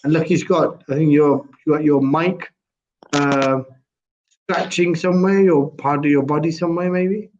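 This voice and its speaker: A man hosting a casual online interview, halting and often repeating his phrases. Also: fairly high pitch, fairly even intonation, a little mellow, slight background noise. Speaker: host. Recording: dull lo-fi online call.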